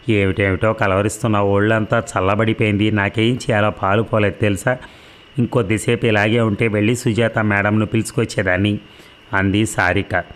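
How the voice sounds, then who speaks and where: A man reading a serialized novel aloud in an even, steady storytelling voice. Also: fairly low pitch. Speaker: narrator.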